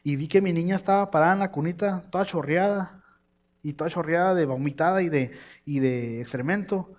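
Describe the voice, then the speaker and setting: A man preaching a sermon, telling a lively family story and imitating his baby's cries. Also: a little high, a little fast. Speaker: pastor.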